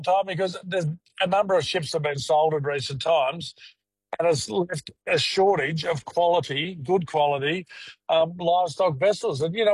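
Husky man on a car phone. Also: fairly high pitch, a little mellow, dry recording. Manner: halting, repeats words, many fillers. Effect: phone call from a moving car, dropping reception. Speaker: live cattle exporter, phone-in guest. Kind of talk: radio phone interview.

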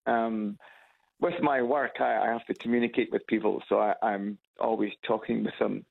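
Here the Scottish caller from Edinburgh has a lowish, steady voice at a moderate pace, touched with vocal fry. It's a relaxed phone chat on a radio show, heard tinny through a loudspeaker, as he falters, repeats himself, and chuckles at his anecdotes.

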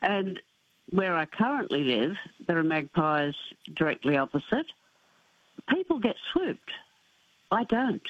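A woman's voice: lowish voice, sing-song, unhurried, no room sound. Australian woman, 70s, front teeth missing, matter-of-fact radio caller on a muffled phone line. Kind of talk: casual anecdotes and advice. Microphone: telephone. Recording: dull, muffled phone call.

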